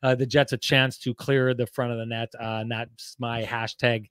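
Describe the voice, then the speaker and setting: A man's voice: mid-range voice, little pitch movement, moderate pace, fairly bright tone, clear, resonant tone. A man, hosting a casual sports podcast over a video call and reading sponsor spots. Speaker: podcast host. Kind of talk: casual sports chat with ad reads. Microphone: handheld mic on video call.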